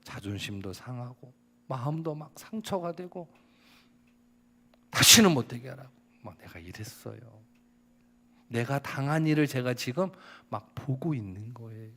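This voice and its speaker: A middle-aged male pastor preaching a sermon, telling personal stories and acting out quoted dialogue, sometimes rising to a shout. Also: mid-range voice, expressive, normal speed.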